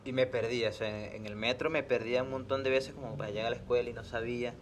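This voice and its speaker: Male podcast host, mid-pitched, very quick delivery. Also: fairly even intonation, a little hiss or hum. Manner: quick, conversational, chimes in to finish the other speaker's thoughts. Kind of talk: casual podcast chat.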